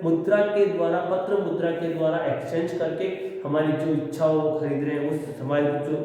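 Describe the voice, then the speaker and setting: A man's voice: a little high, warm tone. Man lecturing in an echoey hall. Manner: explains with rhetorical questions and everyday examples. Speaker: commerce teacher. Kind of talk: classroom lecture.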